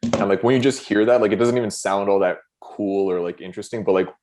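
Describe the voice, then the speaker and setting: A lower-voiced man chats on a podcast with clear enthusiasm. He strings thoughts together with lots of "like" and slips into little acted-out reactions as he talks. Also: fairly even intonation, quick pace, a little mellow. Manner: enthusiastic, filler-heavy, acts out reactions. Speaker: podcast co-host. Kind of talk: casual chat.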